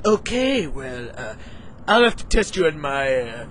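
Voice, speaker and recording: A young man playing a smug male boss in an amateur comedy, talking in a slow deadpan drawl full of hesitations. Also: medium pitch, slight background noise. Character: smug male office boss who fires the chicken.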